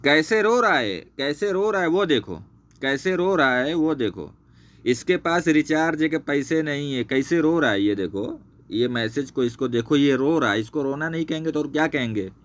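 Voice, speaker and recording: With an expressive, somewhat high and bright voice at normal speed, a channel host rails against a former associate over a screen share. He swears constantly, keeps repeating himself, and directs attention to things on screen in his anger.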